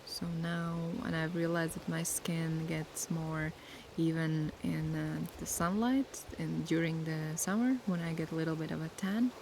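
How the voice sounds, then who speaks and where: A soft-spoken woman from Latvia, whose first language is Latvian, makes ASMR content and is doing a casual Q&A chat outdoors by the sea at sunset. Her voice sits low with vocal fry, and she is unhurried and thoughtful, pausing to find words, with steady wave noise behind her.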